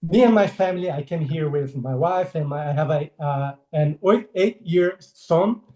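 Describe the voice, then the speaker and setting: His voice is a little high and mellow, moving at a moderate pace in a reverberant space. He's a Brazilian man in his forties with a Brazilian Portuguese accent, a guest illustrator in a casual video-call interview, friendly, hesitant, and quick to laugh.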